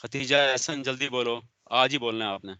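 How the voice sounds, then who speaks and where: A man's voice: medium pitch, steady tone, moderate pace, pushed and bright, clean tone, no echo. A male business law lecturer, giving an online class, stern and sarcastic as he calls on students by name. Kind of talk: online lecture, scolding and explaining.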